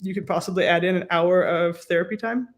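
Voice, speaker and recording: An American woman who is a professor and researcher answers interview questions in a measured, explanatory way, using emphatic lists. Her voice is on the low side.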